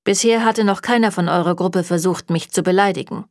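A woman's voice: lowish voice, fairly quick, dry recording, natural voice. A woman reading a German audiobook, voicing a sardonic, evasive male warlock who answers with dry mockery. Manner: dry and mocking.

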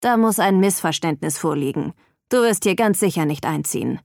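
A woman voicing a brash young man who talks in a gruff, offhand and condescending way, as a character in an audiobook. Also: fairly low pitch, animated, normal speed, a little mellow, no echo, clean studio sound. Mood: hostile.

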